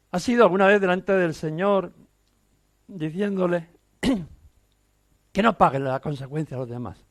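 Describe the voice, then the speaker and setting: A man's voice: high voice, no room sound. A man from Spain, a pastor, preaching a sermon in an earnest, emphatic way, full of rhetorical questions. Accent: Peninsular Spanish.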